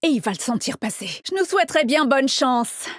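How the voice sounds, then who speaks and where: An actress voices a cocky, teasing female squad leader in a video game, her high voice very animated and a little fast. The brash, punchy, confident lines are recorded dry with clean studio sound.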